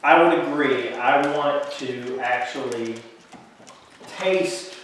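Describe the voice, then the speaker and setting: A man's voice: mid-range voice, slow pace, a bit bright, a little hiss or hum. A middle-aged man casually hosting a family podcast. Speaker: host, father. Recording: very echoey room, distant mic.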